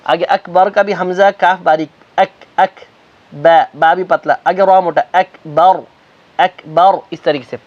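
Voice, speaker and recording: A religious teacher with a high voice gives a recitation lesson on the call to prayer, switching between quick spoken explanations and slow, drawn-out chanted demonstrations. His intonation stays fairly even. The audio is dull and lo-fi.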